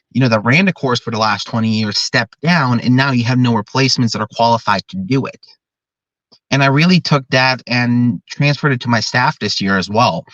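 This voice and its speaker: A man's voice: medium pitch, fairly bright tone, no room sound. Earnest young man, dull dry sound. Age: 20s. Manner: earnest, talkative, explains at length. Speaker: drum corps director. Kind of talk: podcast interview.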